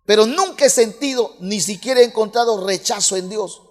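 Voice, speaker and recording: Peruvian pastor guy preaching, goes quiet then shouts, high voice, big hall echo. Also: fairly quick. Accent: Peruvian Spanish. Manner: swings between soft low passages and loud shouted peaks. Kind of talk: sermon. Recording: hall reverb.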